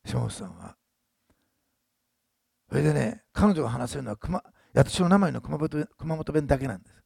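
A man's voice: mid-range voice, lively intonation, normal speed, vocal fry, warm tone, slightly rough, dry recording, clean studio sound. A man in his sixties, a pastor telling a story in a sermon, chatty, often adding tag words. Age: 60s. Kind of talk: sermon testimony.

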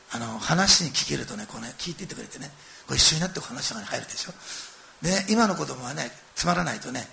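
A man's voice: medium pitch, vocal fry, a little hiss or hum. A middle-aged man preaching a sermon, telling a story with animation and speaking straight to his listeners. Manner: animated storytelling, acting out quoted lines and addressing listeners directly. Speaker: pastor.

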